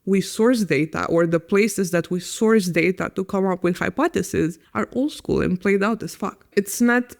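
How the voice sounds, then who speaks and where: A woman's voice: mid-range voice, normal speed, vocal fry, hardly any pauses, darkish tone. A woman with an Eastern European accent, a podcast guest talking bluntly and with profanity in a casual conversation.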